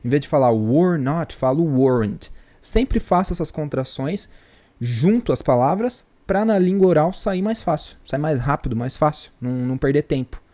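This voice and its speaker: A man's voice: on the high side, animated, moderate pace, warm tone. A man with a Brazilian Portuguese accent, teaching an English grammar lesson in a chatty way and asking rhetorical questions. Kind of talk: casual video lesson.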